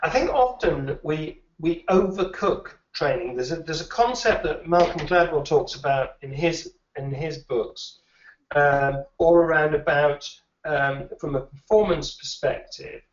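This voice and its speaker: This man has a fairly high voice and an unhurried pace. He trains recruiters and answers interview questions thoughtfully, often repeating words while he thinks. The recording sounds dull, roomy and slightly distant.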